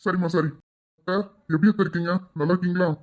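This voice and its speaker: A woman voicing a gentle, kindly elder brother in an amateur audio drama. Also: fairly low pitch, fairly even intonation, quick pace, highs cut off, lightly acted. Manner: gentle, soft-spoken.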